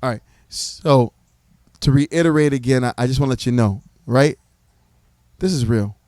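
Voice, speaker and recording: A man making a livestream pitch to his audience. He talks like a preacher and repeats phrases for emphasis. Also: fairly even intonation, normal speed, a little mellow, dry recording. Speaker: community organizer presenting his platform.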